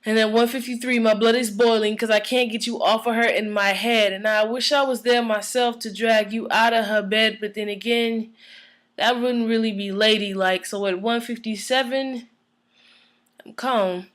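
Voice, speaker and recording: A woman's voice: fairly high pitch, steady tone, moderate pace, a bit bright. A woman reciting her own spoken word poem in a conversational, emotional rhythm.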